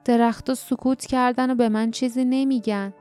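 A woman reading the part of a wild young forest girl, speaking in a hushed, urgent way. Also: fairly high pitch, fairly even intonation, faint music behind, lightly acted. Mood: hushed fear.

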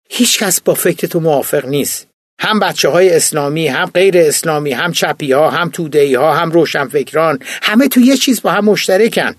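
A man reading an audiobook, voicing a weary older male university chief who lectures in heated, rapid-fire rhetorical questions. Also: fairly high pitch, no echo, studio quality, close to an everyday voice. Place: recording studio.

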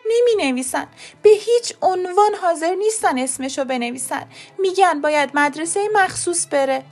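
A woman's voice: very high-pitched, expressive, darkish tone, faint music behind, pitched above the performer's own voice. A woman voicing a young mother who is agitated and on the verge of tears. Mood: upset. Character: child's mother, young woman, upset and tearful.

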